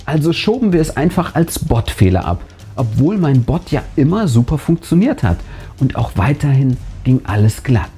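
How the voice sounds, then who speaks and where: The channel's host narrates a scripted first-person horror story aloud, using a dramatic storyteller's delivery. His dark, relaxed voice still has lively pitch movement, and he leaves suspenseful pauses while faint music plays behind him.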